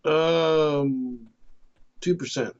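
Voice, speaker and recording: A man's voice: on the high side, extremely slow, crowd noise. A man co-hosting a gaming stream over voice chat, joking, teasing and laughing often. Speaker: game streamer co-host. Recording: dull lo-fi voice chat audio.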